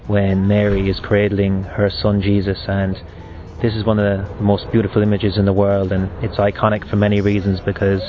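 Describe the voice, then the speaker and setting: A man in his thirties with a west of Ireland accent gives a reflective faith testimony. His voice is lowish and very monotone, and he speaks haltingly. The recording is slightly dull, with faint music behind him. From Galway, west of Ireland. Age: 30s. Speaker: seminarian giving a personal testimony.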